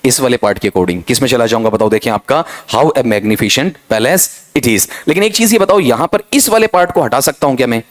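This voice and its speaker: A man's voice: mid-range voice, animated. Male grammar teacher, middle-aged, exam-prep lecture; keeps asking rhetorical questions, drags out example sentences. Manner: quizzing students with repeated rhetorical questions; reads example sentences slowly and deliberately.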